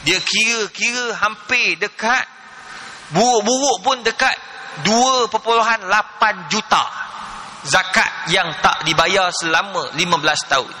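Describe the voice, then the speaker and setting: Animated preacher, high bright voice. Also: male voice, unhurried. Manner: animated, exclamatory, dramatic storytelling. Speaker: religious teacher. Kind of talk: sermon storytelling. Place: mosque hall. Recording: reverberant hall.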